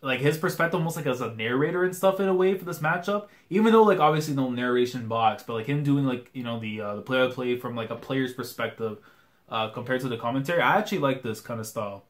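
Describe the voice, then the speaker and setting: A young man reading a comic chapter aloud and reacting to it live, casual and excitable, full of slang. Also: mid-range voice, fast. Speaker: manga reaction host.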